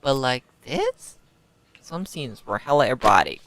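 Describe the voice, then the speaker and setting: Excitable young man, slow slangy talk. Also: mid-range voice. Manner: excitable, slangy, rhetorical questions. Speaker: book vlogger. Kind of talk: casual spoken book review.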